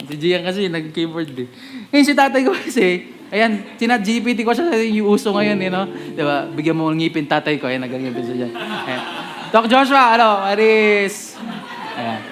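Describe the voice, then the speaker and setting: A man preaches a sermon in a high voice, sliding between Tagalog and English. He talks to the congregation in a chatty, joking way, and soft guitar music plays behind him the whole time. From Philippines. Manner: switches between Tagalog and English mid-sentence.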